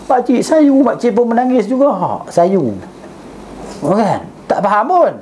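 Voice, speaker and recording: A man's voice: sits high, big pitch swings, takes it slowly, a little mellow, slight background noise. A man, a religious teacher telling a story in class. He recites Arabic and then explains it, and keeps checking with his listeners.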